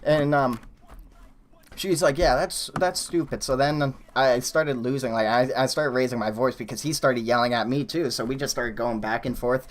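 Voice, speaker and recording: A man's voice: mid-range voice, fairly even intonation, normal speed. A man streaming live, chatting casually and telling a long story with many fillers and restarts while he types. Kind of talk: casual chat while building a coaster in a game.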